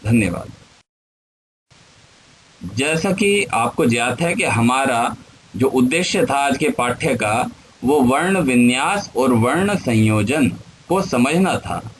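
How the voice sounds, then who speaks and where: A man teaching a grammar lesson, spelling out syllables one at a time in a deliberate lecture. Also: medium pitch, slight background noise, poor audio.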